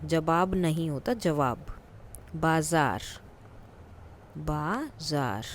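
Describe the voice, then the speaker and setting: A woman teacher explaining a worksheet in a patient way, repeating words slowly for her students. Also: on the low side, darkish tone, a little hiss or hum.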